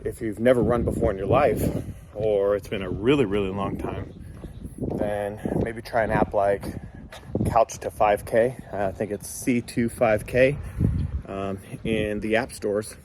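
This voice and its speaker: A man's voice: on the low side, fairly even intonation, a little slow. A man giving casual, encouraging motivational advice in a conversational way. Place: outdoors after a run. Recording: faint outdoor ambience and vehicle noise.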